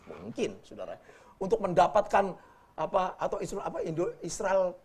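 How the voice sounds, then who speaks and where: A man gives a relaxed Bible teaching with a husky edge to his voice. His pitch swings widely as he jokes and turns often to his listeners with direct questions. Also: normal speed. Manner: lively, jokey, often addresses listeners as brothers. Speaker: preacher.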